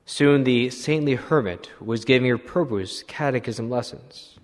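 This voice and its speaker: A man, a priest, telling a saint's story in a slow, measured sermon. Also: medium pitch. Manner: slow, measured retelling with clearing of throat. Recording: long hall reverb.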